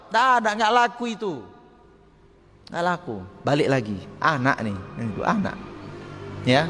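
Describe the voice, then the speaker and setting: A man teaching a mosque study circle. He talks in a lively way, acts out short quoted lines and chuckles often. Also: medium pitch. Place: mosque hall. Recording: long hall reverb with faint noise.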